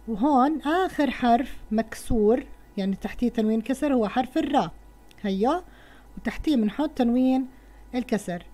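A woman's voice: a little high, warm tone. Patient Levantine Arabic woman teacher. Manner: patient, slow word-by-word spelling out of sounds. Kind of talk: first-grade lesson for children.

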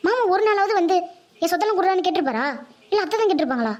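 A woman's voice: very high-pitched, lively intonation, rapid-fire, muffled recording. A woman voicing an upset, tearful teenage daughter in a cartoon, pleading and earnest. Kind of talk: Tamil cartoon voice acting.

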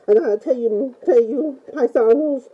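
Heard through narrow, tinny audio, a woman with a high, husky, unhurried voice plays an easily scared Italian plumber man. Adopting a fake Italian accent, she chats nervously through a game review as a fan of the character, often saying "oh" and "mamma mia."

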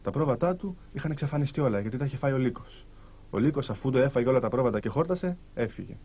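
Male storyteller, husky tone, lively up-and-down delivery in short phrases. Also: mid-range voice. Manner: lively, animated, pausing between short phrases. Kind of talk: storytelling to listeners.

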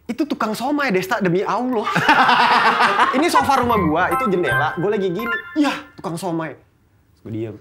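A man's voice: sits high, normal speed, loud music behind the voice. A young man with a Jakarta slang accent, a podcast guest telling stories in casual chat, laughing and swearing. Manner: laughing, swearing, animated storytelling.

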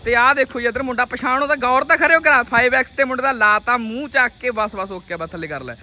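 A man, loud, excitable and teasing, bantering casually as he vlogs a trip with friends. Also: very high-pitched, fast talker. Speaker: vlogger filming a group road trip. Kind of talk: casual, bantering vlog chat. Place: outdoors at a roadside stop with traffic.

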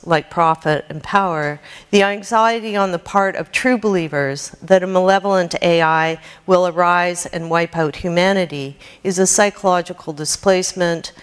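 A woman delivers an academic keynote in a measured reading voice, lowish in pitch and smooth in tone. Her words ring out with a long reverb from the lecture hall around her. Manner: measured reading with occasional slips and restarts. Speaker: keynote speaker. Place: lecture hall with projected slides.

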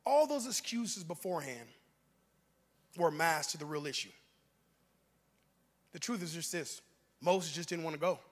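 A male pastor preaching a sermon, rising to shouts and calling for response, acting out scripture characters in a raised voice. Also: on the high side, lively intonation, unhurried, long pauses, big-room sound. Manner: acts out biblical figures' lines in a voice raised for dramatic effect. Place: church sanctuary.

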